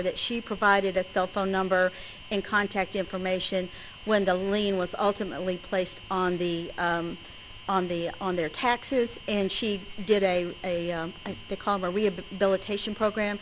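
A woman lawyer with a West Texas twang argues a case to a judge, emphatically and deliberately stressing key words. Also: medium pitch, steady tone, a bit bright, a little hiss or hum, rough recording. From West Texas, United States. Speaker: lawyer arguing before a judge. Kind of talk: courtroom legal argument. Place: courtroom.

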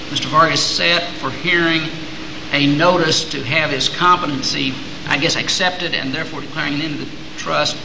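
A man's voice: on the high side, creaky. Reverberant male judge questioning counsel. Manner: probing, deliberate hypotheticals. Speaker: appellate judge. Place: large hall at a public court session. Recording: reverberant hall, background noise.

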